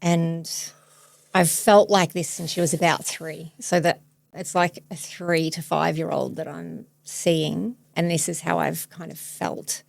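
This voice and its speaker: A woman in her forties, a therapist hosting a podcast, speaking thoughtfully and searchingly in a soft, reflective way. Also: low voice, flat delivery, a little slow, creaky, dry recording. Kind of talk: reflective therapy demonstration chat.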